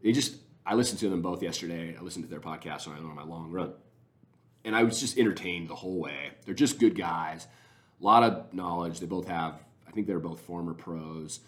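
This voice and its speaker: A man with a very deep, low voice talks casually and at length on his podcast. He rambles with real enthusiasm, doubling back and restarting his sentences as he goes. The delivery is unscripted and conversational. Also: brisk, a bit bright. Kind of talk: casual spoken recommendations.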